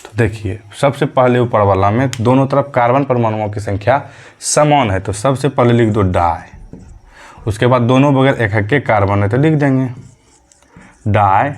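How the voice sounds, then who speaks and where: A man's voice: mid-range voice, measured pace, long pauses, darkish tone. A male chemistry teacher giving a medium lesson, patiently repeating key terms as questions and counting aloud step by step, with a light tinge. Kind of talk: classroom lesson.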